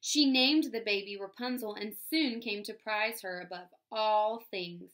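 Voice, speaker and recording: A woman's voice: medium pitch, measured pace, a bit bright. A woman teacher reading a fairy tale aloud to young children, stopping to explain words and ask the class questions. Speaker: first-grade teacher.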